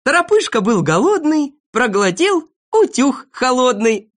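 A woman voicing a cheeky, boastful little boy shorty who chatters excitedly, reading a storybook. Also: sits high, measured pace, voice pushed up.

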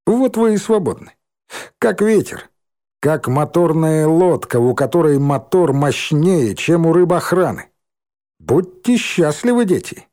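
A man's voice: fairly high pitch, big pitch swings, dark tone, pitched above the performer's own voice. Man doing a sly, oily teenage bully. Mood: oily, mocking. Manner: oily mock-politeness, drawn-out words. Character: menacing teenage bully boy, mock-polite and sly.

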